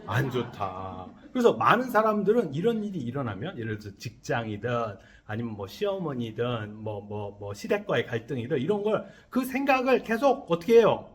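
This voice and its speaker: Lively Korean monk preaching in call-and-response. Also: male voice, mid-range voice, fairly quick, few pauses. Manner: asks the audience questions and answers them himself; leads the congregation in call-and-response repetition. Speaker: Buddhist monk giving a dharma talk. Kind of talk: sermon to a live congregation. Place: temple dharma hall.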